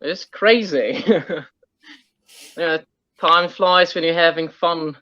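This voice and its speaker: A man hosting a casual conversation, hesitant and filling pauses with um. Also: on the high side, bright, forceful tone, no room sound. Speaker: host. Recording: dull dry lo-fi sound.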